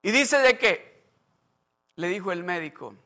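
A man's voice: sits high, expressive, a little slow, bright, forceful tone. A male pastor preaching a sermon, telling a testimony story and acting out its dialogue, then rising into emphatic preaching.

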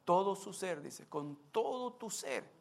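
A male preacher giving a sermon, telling a story and acting out its scenes in an animated way. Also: sits high, measured pace, gravelly.

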